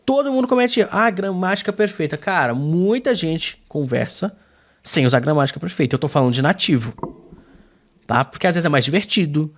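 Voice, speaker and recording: Slangy, emphatic Brazilian man teaching. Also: brisk. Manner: informal, slangy, lots of filler tags; emphatic, lively pitch swings. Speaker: English teacher. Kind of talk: casual video lesson.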